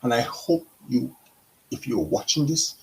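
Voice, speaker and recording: A middle-aged man from Guyana, a counselor hosting a talk show, speaking in a slow, deliberate monologue with pauses and self-corrections. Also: medium pitch, animated, gravelly, rough recording.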